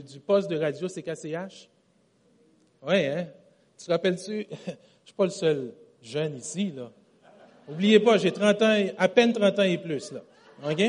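High-voiced Quebec French preacher. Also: male voice. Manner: animated storytelling, repeats and corrects himself. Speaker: pastor. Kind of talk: sermon.

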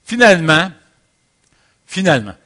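Animated Quebec French preacher, higher voice. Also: male voice, a little slow. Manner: animated storyteller, acting out shouts and voices. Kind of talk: sermon with a personal story.

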